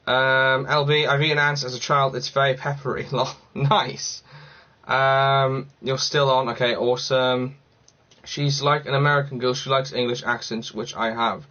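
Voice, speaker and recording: A man's voice: medium pitch, level tone, normal speed, pushed and bright. A man from Cardiff hosting a casual livestream, chatting and rambling as he answers viewer comments. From Cardiff, Wales. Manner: chatty and rambling, thinks aloud. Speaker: livestream host. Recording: slightly dull lo-fi sound.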